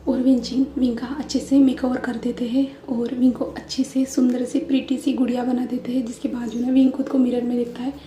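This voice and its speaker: A woman's voice: fairly high pitch, flat delivery, fairly quick, hardly any pauses, mellow, a little hiss or hum. A woman casually retelling a fan story as narrator, chatty with frequent fillers. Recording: echoey room.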